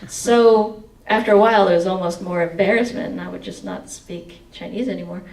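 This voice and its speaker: Using a headset mic in an indoor meeting room, a woman in her forties reads from her memoir with expression, sings snatches of song, and then responds to audience questions. Her voice is fairly low, fairly quick, and creaky, captured in a rough, reverberant recording from a distance.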